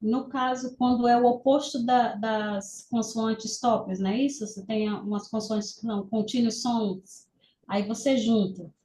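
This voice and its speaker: A woman's voice: a little high, fairly even intonation, unhurried, dark tone, roomy sound, low-quality recording. A woman answering unsurely as a student, searching for words.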